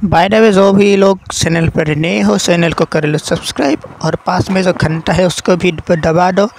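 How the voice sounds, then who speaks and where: A man giving casual, excitable gameplay commentary, swearing and yelling at his teammates as he plays. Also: high-pitched, unhurried, slight background noise, poor audio. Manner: excitable, swears and yells at teammates mid-game. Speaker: gaming commentator.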